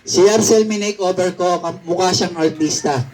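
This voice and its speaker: A man's voice: high voice, normal speed, a little mellow, recorded from a distance. A man hosting a party game, teasing and chatty, often laughing and counting down to the crowd. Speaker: party emcee.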